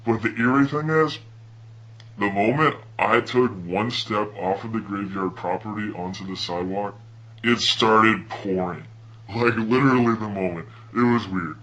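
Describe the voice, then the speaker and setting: A young man from Hawaii telling a personal story in a laid-back, slangy, animated way. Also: fairly low pitch, measured pace, low-quality recording. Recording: noticeable hum and background noise.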